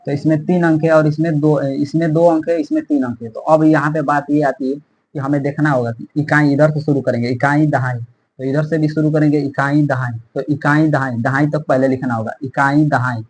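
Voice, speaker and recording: A man's voice: a little high, steady tone, normal speed, a little mellow, slightly rough, low-quality recording. A man teaching a maths lesson step by step, repeating himself and checking in often. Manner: repetitive, checks in often with "theek hai".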